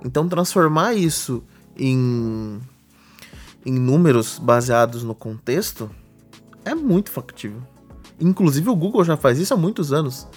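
A man's voice: mid-range voice, big pitch swings, measured pace, a little mellow, slightly rough, soft background music. Brazilian man explaining tech patiently. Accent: Brazilian Portuguese. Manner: patient, explains with everyday examples. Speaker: podcast co-host explaining AI. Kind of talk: casual explanatory chat.

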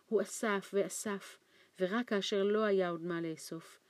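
A woman narrating a children's storybook aloud in a calm, measured reading voice. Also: medium pitch, no room sound. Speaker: audiobook narrator.

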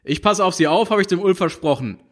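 A man's voice: sits high, expressive, fast talker, pitched above the performer's own voice. A man playing an easygoing middle-aged uncle who speaks in a plain, reassuring way. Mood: calm.

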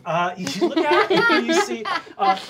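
A woman's voice: on the high side, big pitch swings, unhurried, over loud music. A woman narrating a tabletop game as game master, rambling with lots of fillers. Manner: rambling, many fillers and restarts.

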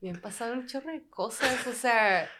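A young woman from Tijuana, a guest telling bartending stories in a casual, slangy, animated way on a podcast. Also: on the high side, moderate pace, very noisy. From Tijuana, Mexico.

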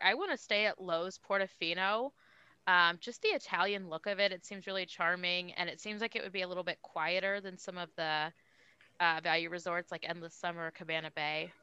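A young woman hosts a relaxed podcast conversation, often pausing with ums. Her voice is bright and very clear, and the recording is dry. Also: lowish voice, no room sound, dull audio. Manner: relaxed, hesitant with many ums. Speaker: podcast host. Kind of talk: casual chat.

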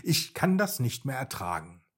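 A man voicing a gentle, good-hearted male dragon who exclaims loudly and talks kindly, in a children's bedtime story. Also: mid-range voice, very animated, normal speed, husky. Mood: grumbling.

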